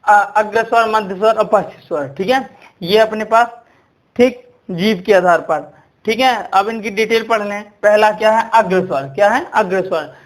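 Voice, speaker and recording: Guy with a high voice running a grammar class, keeps quizzing and saying "theek hai". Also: normal speed. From India. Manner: repetitive, quizzing with "ठीक है" and "कितने होते हैं?". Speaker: teacher.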